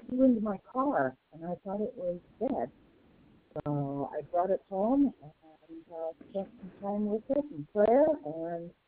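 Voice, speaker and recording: Quiet caller on a tinny speakerphone. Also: mid-range voice, no echo. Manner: quiet, grateful, halting with fillers. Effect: on a speakerphone, hard to hear. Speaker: caller on a community call. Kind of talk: casual soft-spoken sharing. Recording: tinny, dry phone line.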